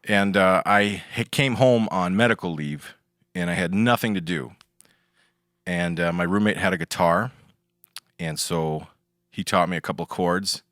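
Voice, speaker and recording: A man in his thirties, a musician guest on a podcast, telling stories in a relaxed way with wry understatement. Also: low-pitched, a little slow, no echo, studio quality. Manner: relaxed storyteller, with wry understatement and lots of fillers. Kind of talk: casual podcast interview.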